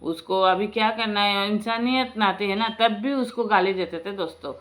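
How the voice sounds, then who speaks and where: A woman telling a family story to her viewers in a loose, chatty voice. She talks directly to her listeners as friends and often breaks off and restarts her sentences. Her pitch sits in an ordinary middle range. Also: moderate pace, fairly bright tone. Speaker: storyteller, vlogger. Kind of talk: casual spoken storytelling.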